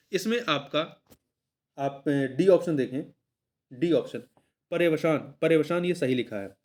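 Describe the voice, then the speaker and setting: Tutor explaining answers briskly. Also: male voice, fairly high pitch, darkish tone. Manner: repeats answers, asks and answers his own questions. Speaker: exam tutor. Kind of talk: solving a practice paper aloud.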